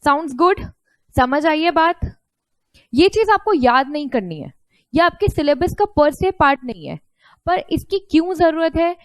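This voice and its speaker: Woman teacher, high voice, slow and patient, asks and answers her own questions. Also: big pitch swings, no echo. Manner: explains step by step, asks and answers her own questions, mixes Hindi and English. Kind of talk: online lecture.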